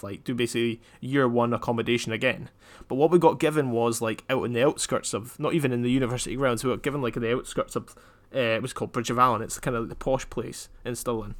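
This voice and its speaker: A young man from Scotland in casual podcast chat, telling jokes in a flat deadpan way and wandering off on tangents. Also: medium pitch. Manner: deadpan, rambling joke-telling. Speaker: podcast co-host.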